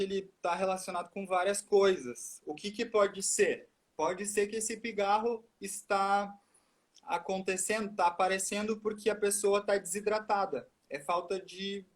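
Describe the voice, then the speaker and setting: High-voiced man explaining patiently. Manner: didactic, explains step by step with rhetorical questions. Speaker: speech therapist guest. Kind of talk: explanatory live chat.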